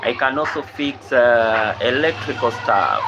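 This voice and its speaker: A man's voice: mid-range voice, animated, unhurried, highs cut off. A Kenyan man hosting a casual live stream, greeting viewers by name and repeatedly asking them to like and subscribe, talking into a computer microphone. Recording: loud background noise.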